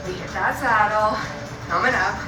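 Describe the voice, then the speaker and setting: A woman instructs a spin class in short, motivational cues, her voice at an ordinary female pitch. She sounds distant from the mic in a roomy space, with loud workout music playing over the class. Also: normal speed. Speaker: indoor cycling instructor. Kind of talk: fitness class coaching with countdowns and cues.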